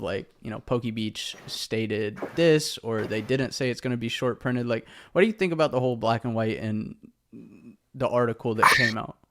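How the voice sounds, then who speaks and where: Easygoing man hosting a podcast. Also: mid-range voice. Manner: easygoing, asks long rambling questions. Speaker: podcast host. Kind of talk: casual podcast chat.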